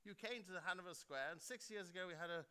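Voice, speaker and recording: Posh insistent gentleman caller, put on by a man, bright and raised. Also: high voice, fast, clean tone, voice pushed up. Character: posh, eager English gentleman on the phone.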